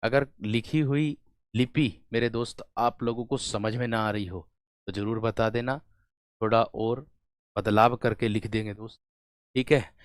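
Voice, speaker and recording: A man teaching an exam-prep lesson, feeling unwell, repeating questions and answering them himself as he explains slowly to his students. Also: fairly low pitch, steady tone, dry recording, clean studio sound. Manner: repetitive call-and-response, addresses students as friends.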